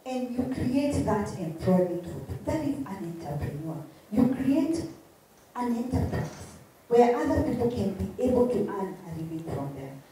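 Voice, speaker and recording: Woman, Kikuyu Kenyan accent, mellow tone, emphatic interview guest, rhetorical questions, heavily echoing room. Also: mid-range voice, sing-song, normal speed. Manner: emphatic, repeats phrases, asks rhetorical questions. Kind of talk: animated motivational interview talk. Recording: very echoey room, distant mic, faint noise.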